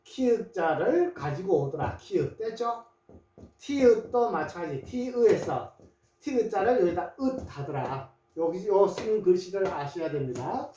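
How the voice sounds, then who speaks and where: Lively, roomy-sounding teacher. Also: mid-range voice, a little slow, dull audio, slight background noise. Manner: repeats each point, often starts with "자" and checks in with questions. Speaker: English teacher. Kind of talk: spoken lesson writing Korean letters in English. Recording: roomy, voice distant from the mic.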